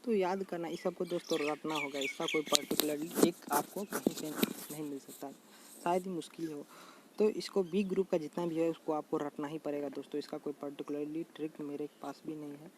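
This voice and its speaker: A man's voice: a little high, little pitch movement. Man teaching memory tricks, faint noise. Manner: addresses viewers as friends, repeats terms slowly. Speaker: general knowledge teacher. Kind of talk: casual explainer lesson.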